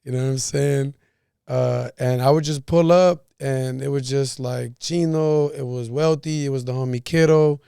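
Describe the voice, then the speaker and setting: Gravelly, mellow Los Angeles rapper. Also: male voice, mid-range voice, moderate pace, no room sound, clean studio sound. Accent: Los Angeles English. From South Central Los Angeles. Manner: relaxed, street slang, says "you know what I'm saying". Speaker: rapper, guest. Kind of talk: casual interview chat.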